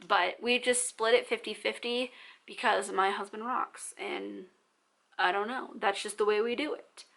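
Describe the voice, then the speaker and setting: A young woman answering viewer questions in a casual vlog, talking fast and chatty with an encouraging tone. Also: medium pitch, fairly even intonation, vocal fry, fairly bright tone. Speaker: parenting vlogger.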